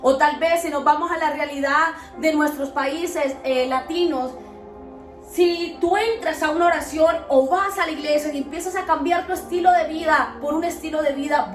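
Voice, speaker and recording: A woman, hosting a podcast and preaching Bible lessons in an earnest, exhorting way full of rhetorical questions. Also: high-pitched. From Colombia. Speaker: podcast host teaching Bible principles. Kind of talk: preaching talk. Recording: echoey, distant mic, faint music behind.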